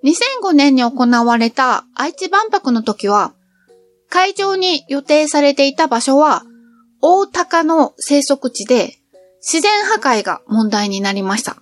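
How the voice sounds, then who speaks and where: Cheerful high-voiced woman narrating travels. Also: lively intonation, unhurried, soft background music. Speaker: travel vlogger.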